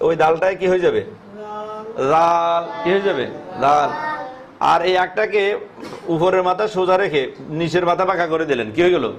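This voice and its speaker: A man's voice: a little high, normal speed, long pauses, noisy background. A man teaching how to pronounce Arabic letters, asking questions and answering them himself, drawing out each letter's sound. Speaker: Quran teacher.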